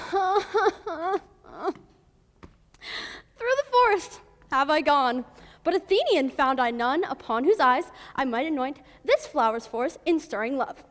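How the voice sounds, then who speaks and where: Mischievous fairy sprite, woman acting, school stage play, high, slow, gasping, hall reverb. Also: animated, fairly bright tone, heavily acted. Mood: sly. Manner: breathy gasps, slow storytelling delivery.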